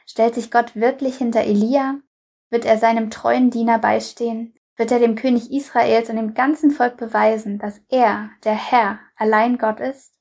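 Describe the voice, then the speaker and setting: A woman reading a Bible passage aloud and then commenting on it in a measured, scripted devotional. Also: a little high, vocal fry, a little mellow, breathy edge. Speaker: Bible reader and devotional speaker.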